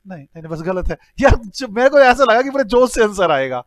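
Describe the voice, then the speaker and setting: Animated Indian man teaching a class. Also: high voice, brisk, no room sound. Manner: animated storytelling with mock scolding. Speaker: accounting teacher. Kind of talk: classroom lecture.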